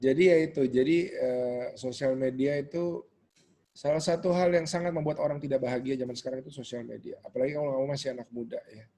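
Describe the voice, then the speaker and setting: A man giving a casual webinar talk over a video call, animated and acting out quoted voices. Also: medium pitch, quick pace. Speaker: webinar guest speaker.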